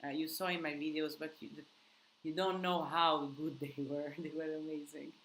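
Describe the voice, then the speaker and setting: Speaking English as a second language, a woman chats casually with live-stream viewers in a Q&A from a countryside home, rambling through frequent restarts and fillers. Her low voice moves little in pitch, runs at a moderate pace, and sounds a bit bright. The recording is low quality, with a little hiss or hum.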